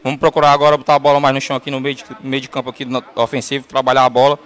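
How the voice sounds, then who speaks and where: Fast-talking young male footballer. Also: mid-range voice, completely flat delivery, a bit bright. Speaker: footballer being interviewed. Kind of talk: brief pitchside sports interview answer. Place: outdoors on a football pitch at night. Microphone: reporter's handheld microphone.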